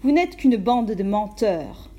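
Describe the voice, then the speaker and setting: A spoiled, contemptuous storybook girl who speaks with haughty scorn, as a woman puts her on. The voice keeps a dark, mellow timbre. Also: medium pitch, lively intonation, slow. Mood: scornful.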